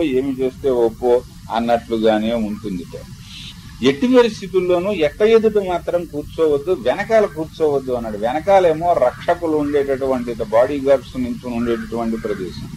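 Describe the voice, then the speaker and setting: An older man with a Telugu accent, a spiritual teacher who chants verses slowly and melodically, then explains them in a discourse. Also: on the high side, mellow, slight background noise, poor audio. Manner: explanatory storytelling lecture.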